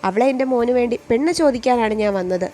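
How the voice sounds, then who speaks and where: A woman's voice: a little high, fast talker, dark tone, natural voice. A woman voicing a humble middle-aged mother who comes to ask for a bride for her son, speaking politely and pleadingly. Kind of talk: storytelling voice acting.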